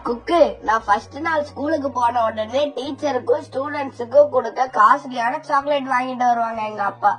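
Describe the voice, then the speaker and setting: A woman's voice: high voice, a little fast, few pauses, a bit bright, soft background music, rough recording. A woman voicing a boastful, snobbish rich sparrow child in a cartoon. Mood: bragging. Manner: bragging, snobbish. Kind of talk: cartoon voice acting.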